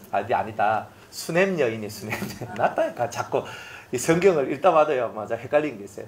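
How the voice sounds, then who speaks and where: A male pastor preaching a sermon, telling stories and acting out the lines of the people in them. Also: mid-range voice. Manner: storytelling, acting out quoted lines.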